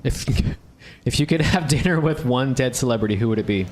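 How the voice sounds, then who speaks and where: A man co-hosting a radio show, playfully firing rapid-fire questions and urging quick answers. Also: medium pitch, a little hiss or hum. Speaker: co-host.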